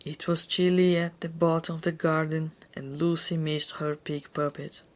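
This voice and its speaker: A woman giving a dramatic, hammy reading of a children's story in a deliberate, theatrical manner. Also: low voice, level tone.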